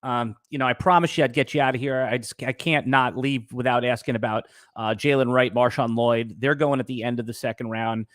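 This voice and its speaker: A man's voice: medium pitch, fairly even intonation, fairly quick, hardly any pauses, a bit bright, no echo, clean studio sound. A man hosting a casual podcast, asking loose questions full of fillers. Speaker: podcast host.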